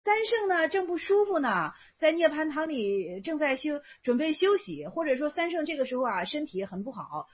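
A woman's voice: high voice, big pitch swings, moderate pace, hardly any pauses. A woman giving a chatty, casual spoken lecture on Zen Buddhist stories, repeating herself with lots of fillers. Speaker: Buddhist teacher. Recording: dull lo-fi recording.

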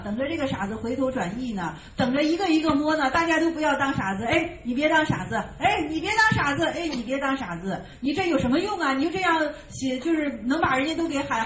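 A woman giving a Buddhist dharma talk, slowly chanting verse lines and then scolding rhetorically, repeating phrases insistently. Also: sits high, background noise. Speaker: Chan Buddhist teacher. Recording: roomy, slightly dull recording.

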